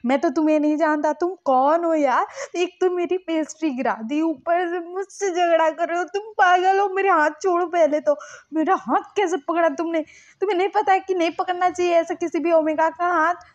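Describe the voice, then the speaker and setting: A bratty young man, sulky and pouting, whines and scolds in a high, raised voice, as a woman puts him on. He bargains like a spoiled child, and the recording sounds a little dull and muffled. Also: moderate pace, darkish tone, natural voice. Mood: whiny outrage. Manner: whiny, petulant scolding. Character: childish young man, pastry-obsessed, throws tantrums.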